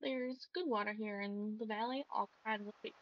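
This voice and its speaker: A woman's voice: mid-range voice, fairly even intonation, normal speed, highs cut off, close to an everyday voice. A woman putting on a folksy old fisherman with a country drawl. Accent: put-on American country drawl. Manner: folksy, hearty, reading game dialogue aloud.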